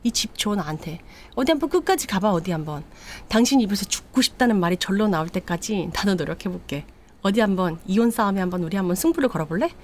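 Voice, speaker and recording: A woman's voice: medium pitch, lively intonation, fast, slight background noise, natural voice. A woman voicing a cruel, scheming young wife who taunts and sneers in a retold story. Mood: taunting.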